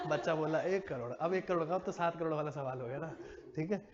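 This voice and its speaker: A man's voice: on the high side, sing-song, normal speed, muffled recording. A man teaching commerce to a classroom, chatty and teasing, quizzing his students as he goes. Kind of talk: classroom lecture.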